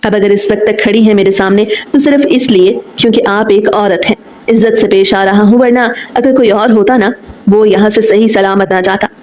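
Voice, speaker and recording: A woman's voice: mid-range voice, fairly even intonation, moderate pace, darkish tone, roomy sound, lightly acted. A woman voicing a possessive young man in a romance audiobook, talking in a firm, commanding way. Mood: stern.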